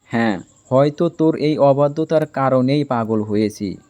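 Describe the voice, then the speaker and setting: A man's voice: mid-range voice, dark tone, natural voice. A man reading a domineering young captain. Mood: stern possessive. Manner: slow, stern, emphatic.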